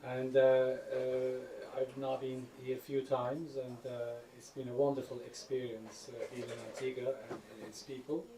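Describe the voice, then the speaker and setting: A man's voice: mid-range voice, flat delivery, normal speed, few pauses, crowd noise. A man from Turkey giving a hesitant thank-you speech, full of fillers. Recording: echoey room, far from mic.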